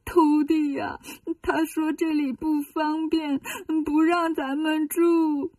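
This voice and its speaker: A woman's voice: fairly high pitch, lively intonation, moderate pace, mellow, husky, no echo, recorded from a distance. A woman voicing a meek, easily hurt traveling monk master who talks in a plaintive, aggrieved way, in a storybook retelling. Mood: tearful.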